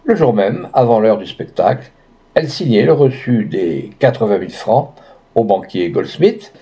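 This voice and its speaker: Mellow-voiced man narrating an audiobook. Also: fairly low pitch, animated. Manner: measured literary reading. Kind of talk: scripted narration. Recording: dull lo-fi recording.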